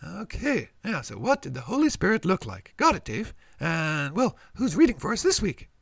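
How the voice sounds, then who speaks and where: A man voicing an excitable puppet-like sidekick on a children's show, with a raspy, creaky voice. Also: sits high, moderate pace, no echo, clean studio sound, heavily acted. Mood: eager.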